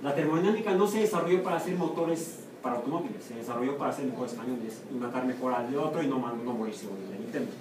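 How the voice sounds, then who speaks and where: A man's voice: medium pitch, fast talker, few pauses. A man with a Mexican Spanish accent, a university professor giving a classroom lecture, who puts questions to the class and answers them himself. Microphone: room or camera mic from a distance. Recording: echoey classroom, far from the mic, noisy.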